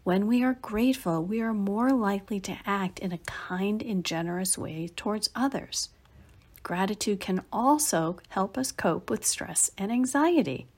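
A middle-aged woman hosting a meditation podcast, speaking in a gentle, soothing and unhurried way. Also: medium pitch, husky. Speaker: podcast host and meditation guide. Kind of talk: guided meditation narration. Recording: music behind the voice. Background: music.

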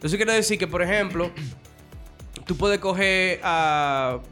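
A man's voice: high-pitched, slow, sharp tone, soft background music. A man with a Dominican accent, co-hosting a podcast in a loose, joking, slangy way. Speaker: podcast co-host. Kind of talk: casual chat.

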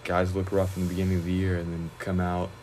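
A young man, a high school wrestler, chatting casually in an interview, relaxed and rambling with many fillers and restarts. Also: fast, slight background noise, low-quality recording.

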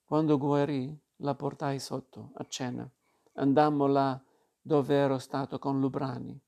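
A man narrating a literary novel in the first person, in a calm and measured way. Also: medium pitch, creaky. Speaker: audiobook narrator. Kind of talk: literary audiobook reading.

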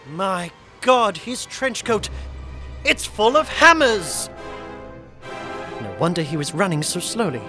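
A man playing an excitable pursuer in a comedy sketch, exclaiming melodramatically to himself. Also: sits high, slow, long pauses, over loud music, full character voice. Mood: frantic. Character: excitable amateur chaser narrating his own pursuit.

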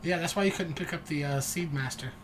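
A man hosting a casual podcast chat, talking low and very close to the microphone. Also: a little fast, background noise. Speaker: podcast host. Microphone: close to the mic.

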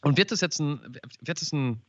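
A man hosting a podcast, asking gentle, probing questions, often restarting his sentences. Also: a little high, expressive, moderate pace, muffled recording. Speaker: podcast host. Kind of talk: interview questioning.

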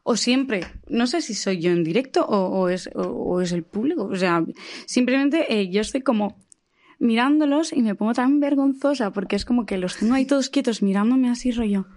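A woman's voice: a little high, lively intonation, moderate pace, darkish tone. A woman singer who talks in a gushing, enthusiastic way, full of fillers. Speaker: singer guest. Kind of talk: casual chat.

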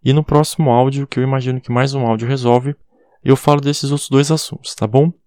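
A man's voice: mid-range voice, fairly even intonation, fast talker, warm tone, clear, resonant tone, no room sound. A man giving a casual recorded English lesson, spelling words out letter by letter and checking in with "tá bom?". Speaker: English teacher.

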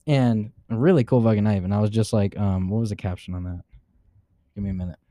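A man's voice: on the low side, steady tone, fast, warm tone, no room sound. A man co-hosting a casual podcast, talking loosely and swearing a lot between laughs. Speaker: podcast co-host. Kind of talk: casual profane podcast chat.

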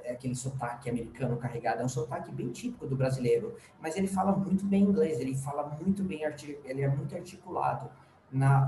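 A man with a Brazilian Portuguese accent, teaching an English lesson to his students and slipping English fillers into his explanations. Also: medium pitch. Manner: explanatory, with frequent restarts. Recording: roomy echo, faint background noise.

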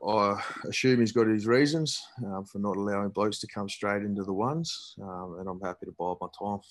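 A young Australian man chatting casually in a laconic, dry, self-deprecating drawl. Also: low-pitched. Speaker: podcast guest, amateur footballer. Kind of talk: casual chat.

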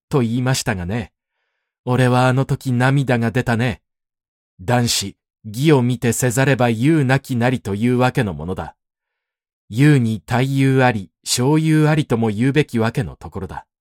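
A man reading a story aloud, voicing a weepy, rough-talking grown man who rambles and repeats himself through sobs. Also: medium pitch, darkish tone, dry recording, clean studio sound, close to an everyday voice. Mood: ranting.

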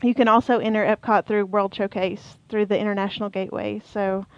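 A woman's voice: mid-range voice, flat delivery, brisk, no echo. Chatty woman on dull, lo-fi audio. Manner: chatty, many fillers and trailing restarts. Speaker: co-host of a theme park podcast. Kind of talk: casual chat.

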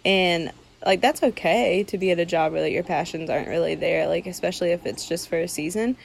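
Gravelly young woman, chatty and casual. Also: on the low side, brisk, slight background noise. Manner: chatty, heavy use of 'like', laughs easily. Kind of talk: casual chat.

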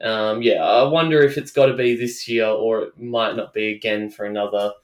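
A man's voice: on the low side, steady tone, moderate pace. Australian man, roomy echo. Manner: hesitant, thinking aloud, leads the segment. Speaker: podcast co-host. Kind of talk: casual sports chat.

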